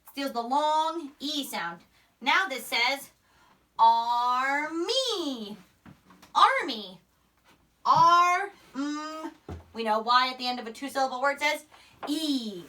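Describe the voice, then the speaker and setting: In a small indoor room by a whiteboard, a young woman teaching phonics to young children sounds out letters and words with emphasis. She's high-pitched and animated, speaking slowly with long pauses in a pushed, bright tone. The primary school teacher sounds distant, recorded on a camera mic a few steps off.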